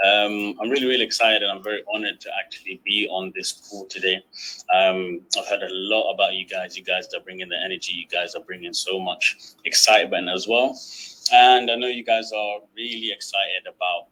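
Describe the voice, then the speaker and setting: Bright-toned man giving a webinar. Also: deep voice, level tone, a little fast, low-quality recording. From United Kingdom. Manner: chatty, many fillers and throat-clearing. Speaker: guest trading trainer. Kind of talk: online webinar presentation.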